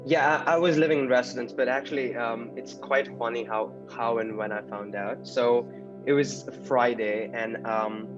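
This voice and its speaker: A man's voice: mid-range voice, steady tone, normal speed, lo-fi sound, over music. A young man from India, a student telling a story casually and joking, often repeating words. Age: young adult. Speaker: university student.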